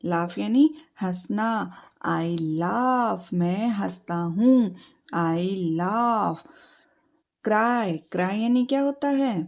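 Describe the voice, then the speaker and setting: A Hindi-speaking woman tutor teaches English verbs to children in Hindi, slow and patient, drilling through repetition, spelled-out letters and quiz questions. Her voice is mid-range with a darkish tone. It's a dull, lo-fi home recording.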